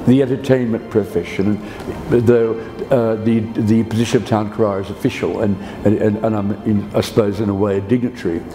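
A man's voice: on the low side, fairly even intonation, normal speed, few pauses, big-room sound, poor audio. An Australian man in his seventies, a town crier, talking in an interview in a grandiloquent, emphatic, theatrical way. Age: 70s. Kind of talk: reflective interview talk. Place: panelled indoor sitting room, seated.

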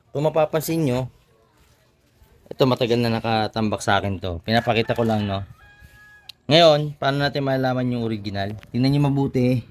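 A man hosting his own channel, showing motorcycle parts in a casual how-to demonstration with frequent tag questions and pauses. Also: mid-range voice. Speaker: motorcycle mechanic and channel host.

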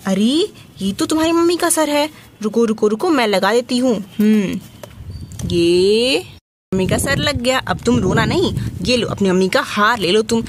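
A woman's voice: a little high, moderate pace, slight background noise. A woman hosting a toy video who narrates and bosses the toys around with lots of repeated words. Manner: bossy, animated, many repeated words.

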